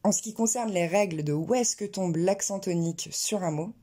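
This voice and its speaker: A woman's voice: fairly low pitch, warm tone. Woman teaching English pronunciation. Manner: clear, explanatory, slows to model English words. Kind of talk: pronunciation lesson.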